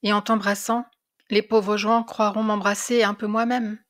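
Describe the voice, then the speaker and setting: A woman reads a classic tale aloud with measured, expressive phrasing. Her voice sits at an average pitch, and she tells the story steadily in a scripted narration. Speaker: reader of literary classics.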